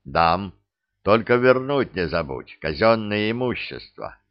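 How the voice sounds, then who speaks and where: A man reading the part of a stern, commanding Cossack chieftain in a gruff, measured way. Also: on the low side, big pitch swings, highs cut off.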